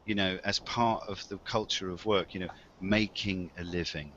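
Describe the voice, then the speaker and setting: A man's voice: low-pitched, fairly even intonation, normal speed, a bit bright. A man talking in a reflective, musing way in a casual group discussion. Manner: reflective, musing, puts on voices when telling stories. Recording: dull lo-fi recording with faint hiss.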